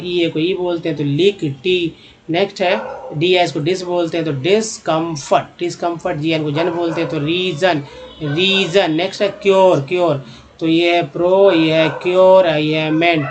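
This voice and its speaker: A man teaching English reading in a phonics lesson, repeating words slowly and calling his viewers friends. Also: fairly high pitch, fairly even intonation, background noise.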